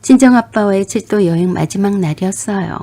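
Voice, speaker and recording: A woman telling a family story as scripted narration, steady and plain, with blunt retorts in her own part. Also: mid-range voice, fairly quick.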